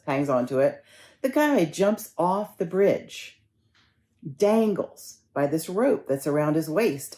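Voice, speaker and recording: A woman minister giving a conversational sermon, telling stories and gently guiding her congregation through a ritual. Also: fairly low pitch. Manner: conversational storytelling, gently instructive.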